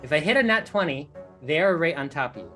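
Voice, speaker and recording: Low-voiced woman running a tabletop game. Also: expressive, quick pace, fairly bright tone, faint music behind. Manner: rambling, playful, with many fillers. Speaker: dungeon master.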